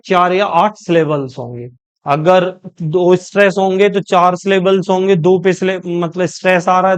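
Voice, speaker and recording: Male teacher from india, high voice, slow measured delivery, rephrases as he explains, reads quotes deliberately. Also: clear, resonant tone. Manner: explains step by step, often rephrases himself. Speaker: exam-prep teacher. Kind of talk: explanatory lecture.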